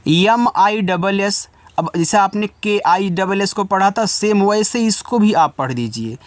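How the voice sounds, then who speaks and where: A man's voice: high-pitched, no room sound. A man teaching a spoken English lesson, spelling out words letter by letter and asking his viewers questions again and again. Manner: repeats check-ins and asks the viewer questions.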